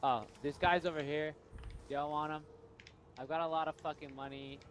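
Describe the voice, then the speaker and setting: A young man chatting casually over a video game, rambling, swearing and getting excited. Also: on the high side, normal speed, noisy background. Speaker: gamer. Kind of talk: casual gaming chat.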